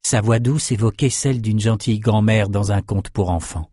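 A man reading a fantasy novel aloud in a steady, even narration. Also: fairly low pitch, normal speed, slightly rough, no echo, clean studio sound. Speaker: audiobook reader. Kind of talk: scripted narration.

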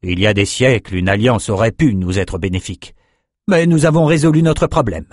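A man reading an audiobook, voicing a gruff, grumbling male chief trainer of arena beasts. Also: fairly low pitch, expressive, brisk, a little mellow, dry recording, studio quality.

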